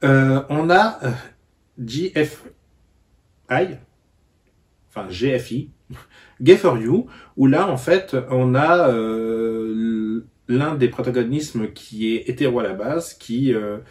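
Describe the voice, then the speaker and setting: A man talking casually in a book vlog, explaining terms in a halting way and often pausing to search for words. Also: mid-range voice. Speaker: book vlogger.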